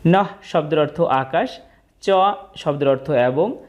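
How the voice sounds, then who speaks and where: A woman teaching the pronunciation of Sanskrit verses, speaking slowly and deliberately and chanting each verse. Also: low voice, a little mellow. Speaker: scripture teacher.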